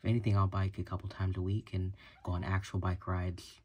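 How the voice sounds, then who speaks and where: A young vlogger in his twenties chats loosely to his camera while setting up a small indoor home gym lit with colored lights. His voice sits low with little pitch movement, a little fast and a little mellow, and his rambling talk is full of fillers and casual swearing. Clicks and clear room noise are audible on the recording.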